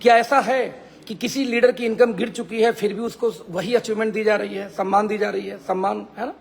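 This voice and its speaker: A man whose voice is hoarse, gravelly, and high for his gender leads a network marketing team and hosts a motivational Facebook live. He talks fairly quickly with fairly even intonation, emphatically hammering points by repeating them.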